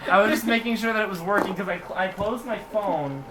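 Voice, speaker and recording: Guy joking around at game night, bit high voiced, far from mic, really noisy. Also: brisk. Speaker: tabletop game player. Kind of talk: casual banter. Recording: very noisy, echoey, distant mic.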